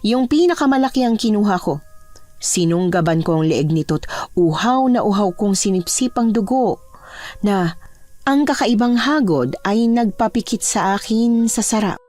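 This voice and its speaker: A woman narrating a horror story in the first person, in a measured, hushed way. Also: medium pitch, expressive, dry recording.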